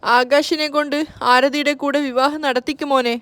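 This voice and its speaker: A woman's voice: high-pitched, steady tone, a bit bright. Woman voicing a grieving, anguished mother. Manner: slow, anguished scolding. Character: grieving middle-aged mother.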